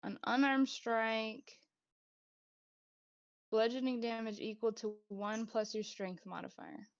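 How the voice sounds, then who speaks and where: A woman narrating a tabletop game as game master, relaxed and hesitant. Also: a little high, takes it slowly, dry recording. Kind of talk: running a tabletop game over a call. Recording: dull dry home mic.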